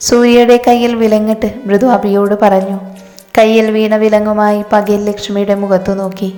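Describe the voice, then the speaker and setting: A woman reading a scripted story as narrator, in an even, flat manner. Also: medium pitch, normal speed. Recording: reverberant room with faint music.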